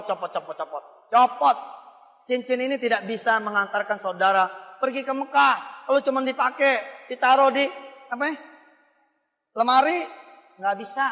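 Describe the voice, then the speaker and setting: A man preaching a lively sermon, playfully calling out questions to his congregation. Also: high voice. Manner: animated, playful, calls out to the audience. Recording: long hall reverb.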